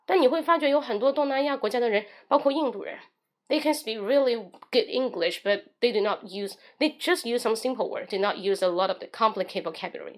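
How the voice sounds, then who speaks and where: Woman teaching English on a livestream. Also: on the high side. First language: Mandarin Chinese. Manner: switches between Mandarin and English, demonstrates phrases.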